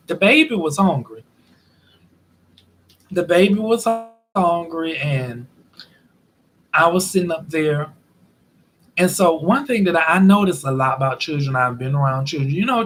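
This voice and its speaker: A man telling a comic story from his own day in a lively, animated way, dropping quiet asides between loud bursts. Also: a little high, a little hiss or hum, poor audio. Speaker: storyteller vlogger. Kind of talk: comedic storytelling.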